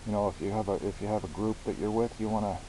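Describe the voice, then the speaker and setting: A hobbyist presenter does a casual product show-and-tell in a low voice with fairly even intonation. He halts, searches for words and repeats phrases, and the amateur home recording is hissy.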